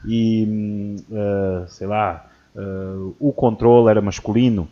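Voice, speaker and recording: Animated male podcast host. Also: lowish voice, takes it slowly. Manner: animated storyteller who acts out quotes. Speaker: podcast host and English teacher. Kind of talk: casual conversational podcast. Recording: dull lo-fi audio.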